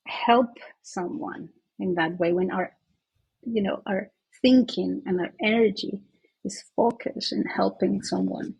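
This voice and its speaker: Husky, gravelly-voiced woman telling a story. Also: medium pitch, dry recording, poor audio. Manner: earnest, animated anecdote-telling. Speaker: guest, myofunctional therapist. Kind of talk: conversational interview storytelling.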